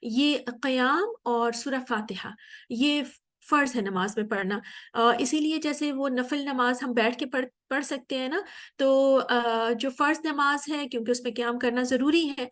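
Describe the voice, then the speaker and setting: A woman giving a patient, explanatory religious lesson, often pausing with hesitations. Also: sits high, a bit bright. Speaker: religious teacher. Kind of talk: Islamic lesson.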